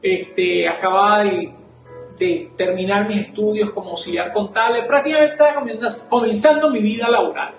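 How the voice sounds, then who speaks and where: A high-voiced man with a Venezuelan accent tells a personal testimony from the pulpit, acting out each conversation. The sound is roomy, with soft music underneath. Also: normal speed, vocal fry. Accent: Venezuelan Spanish. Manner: storytelling, acts out dialogue, animated. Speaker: church speaker. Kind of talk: sermon testimony. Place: church.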